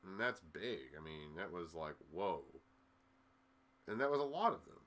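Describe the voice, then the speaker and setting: A man's voice: sits low, sing-song, measured pace, a bit bright. A man co-hosting a casual sports chat, laid-back and rambling, swearing now and then. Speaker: podcast co-host.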